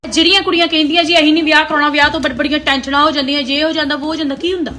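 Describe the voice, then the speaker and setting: A woman's voice: sits high, little pitch movement, bright, forceful tone, slight background noise. A woman giving a sarcastic comic monologue. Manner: sarcastic, brisk. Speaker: comedy vlogger.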